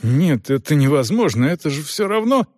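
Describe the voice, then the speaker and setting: In an audiobook, a man puts on a hot-headed young man who protests loudly and is pitched well above his usual voice. He swings up and down a lot as he argues. The recording is dry and close. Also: normal speed, dry recording. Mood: indignant. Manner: protesting, excitable. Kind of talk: audiobook reading.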